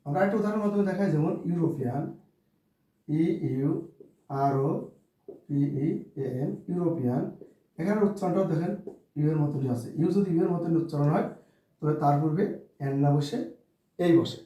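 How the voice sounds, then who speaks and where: Male teacher, mellow, slightly high voice, spells words out and answers his own questions; distant mic, very echoey room. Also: normal speed, pauses often. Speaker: English teacher. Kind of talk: spoken English lesson.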